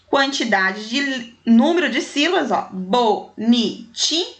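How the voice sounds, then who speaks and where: Slow, patient woman teacher. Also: a little high, fairly bright tone, a little hiss or hum. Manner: slow, patient syllable-by-syllable counting aloud; affectionate diminutives for young pupils. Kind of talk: primary school lesson.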